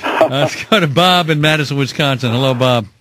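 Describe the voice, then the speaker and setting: A man hosting a radio call-in show, briskly taking callers and moderating the debate. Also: medium pitch, fairly bright tone. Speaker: radio talk show host.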